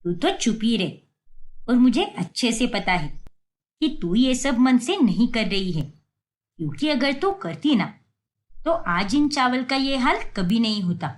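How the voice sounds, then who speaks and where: A woman voicing a strict, sarcastic middle-aged mother in an animated story. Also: fairly high pitch, a little slow. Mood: scolding. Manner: nagging, sarcastic.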